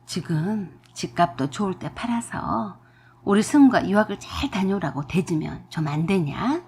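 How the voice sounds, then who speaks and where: A woman's voice: mid-range voice, lively intonation, moderate pace, husky, pitched below the performer's own voice. Woman doing a pushy, scolding old mother-in-law. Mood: wheedling. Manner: demanding, scolding, shouting.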